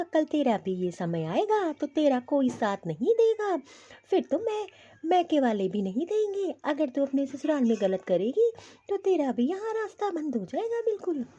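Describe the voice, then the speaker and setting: A woman's voice: high voice, dark tone, muffled recording. A woman voicing a middle-aged mother who lectures her daughter in a cartoon, moralizing.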